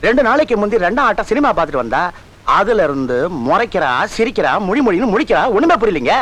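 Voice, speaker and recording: Worried man with a lively voice. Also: high-pitched, fast talker, a little hiss or hum. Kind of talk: film comedy dialogue.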